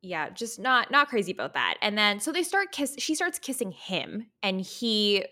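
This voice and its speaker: A woman hosting a podcast, chatting casually and laughing often, sometimes mimicking characters in a high breathy voice. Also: sing-song, normal speed, pushed and bright. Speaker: podcast host. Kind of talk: casual chat.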